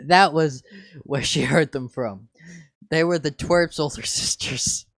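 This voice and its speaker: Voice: mid-range voice, slow pace, creaky, no room sound, clean studio sound. A reader casually reading fan fiction aloud, often giggling between words. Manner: giggly, breaking into laughs.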